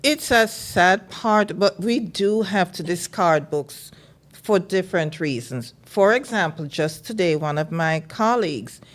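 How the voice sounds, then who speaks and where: A middle-aged woman from Jamaica, a librarian and guest, telling her story in calm, measured casual interview talk. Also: lowish voice.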